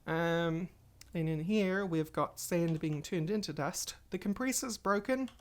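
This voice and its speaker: A woman with a lowish voice hosts a casual Let's Play on her gaming channel, chatting and rambling to viewers at a measured pace while she plays. She sounds a little stuffy from a cold.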